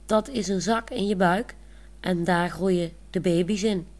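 A woman's voice: on the low side, measured pace, darkish tone. Woman voicing a proud, chatty young woman. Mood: self-assured. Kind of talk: storybook reading.

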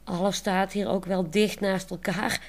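A woman voicing a cheerful young woman in a wheelchair who is excitable and quick to fret. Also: medium pitch, close to an everyday voice.

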